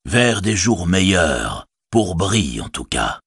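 A man voicing a wise old wizard in a measured, grave, reassuring way, with a husky voice. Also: sits low, very animated, a bit bright, no room sound, studio quality, exaggerated voice. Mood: calm.

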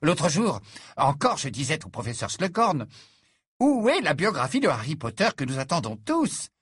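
A gushing, fawning male writer who flatters and sells in a lively, rising voice that leaps about, as a reader puts him on. The tone is a little husky, recorded dry and close. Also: fairly high pitch, normal speed, no room sound, pitched above the performer's own voice, full character voice. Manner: effusive, flattering, salesy.

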